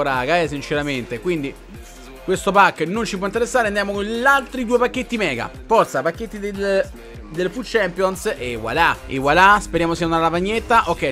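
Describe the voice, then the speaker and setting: Excitable young Italian gaming streamer. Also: male voice, high-pitched. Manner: excitable, addresses viewers as "raga". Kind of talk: pack opening commentary.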